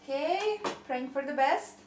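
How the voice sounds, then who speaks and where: A young Croatian-accented woman vlogs casually from her home kitchen while baking, rambling a bit and often laughing at herself. Her voice is high and expressive, a little slow, and the recording is reverberant with background noise.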